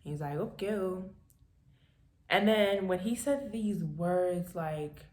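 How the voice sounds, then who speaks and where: A young woman in her twenties vlogging, telling a story in a lively, animated way with bursts of laughter. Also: fairly low pitch, slow pace, echoey room. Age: 20s. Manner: animated, laughing, acting out her dad's lines. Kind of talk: casual storytelling.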